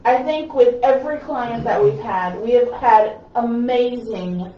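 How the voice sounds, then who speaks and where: A fairly high-voiced woman co-hosts a paranormal live stream, earnest and quick to chime in. She sounds set back from the mic in a reverberant room, and the audio is somewhat muffled. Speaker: paranormal group co-host. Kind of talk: casual live-stream chat. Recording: roomy, distant, slightly dull live-stream audio.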